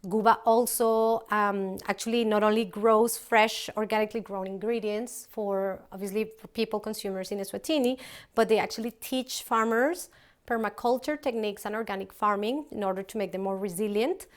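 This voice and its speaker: A woman's voice: medium pitch, fairly even intonation, normal speed. A middle-aged woman from Colombia, a company founder, casually presenting a cooking recipe in a large open kitchen, chatty with many ums and restarts.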